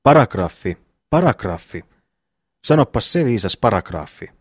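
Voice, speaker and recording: A man reads out a hot-headed eldest brother in a storybook, bossy and blustering, his voice pitched low. It is recorded dry and close, with no room sound. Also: expressive, darkish tone, dry recording. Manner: blustering, commanding.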